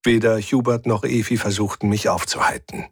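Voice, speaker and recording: Casting: male narrator for a sci-fi audio story, husky, wry first-person delivery, dry close sound. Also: fairly low pitch, flat delivery, normal speed, no room sound. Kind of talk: scripted audio drama narration.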